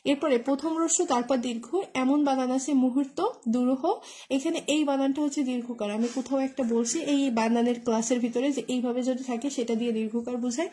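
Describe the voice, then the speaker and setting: A woman tutor with a high-pitched, mellow voice teaches an online spelling lesson, spelling words out letter by letter with many fillers. She explains with memory tricks and keeps asking "right?", with a little hiss or hum audible.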